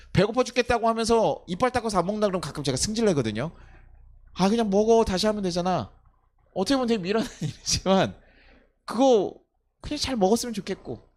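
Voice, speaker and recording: A young pastor with a high, light voice gives a conversational sermon. He keeps putting rhetorical questions to the congregation, and now and then he acts out scolding a child in loud outbursts.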